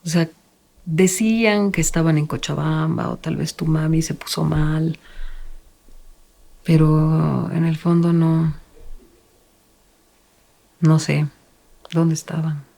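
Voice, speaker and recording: A woman recalling a painful memory in a documentary interview, talking in a subdued, halting way. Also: sits low, steady tone, creaky, mellow. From Bolivia. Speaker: interviewee, daughter.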